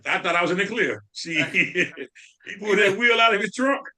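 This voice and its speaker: A man's voice: high-pitched, lively intonation, normal speed, sharp tone. Laughing man telling a rambling story. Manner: laughs often, rambling storyteller with filler words. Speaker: podcast co-host. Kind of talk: casual storytelling among friends.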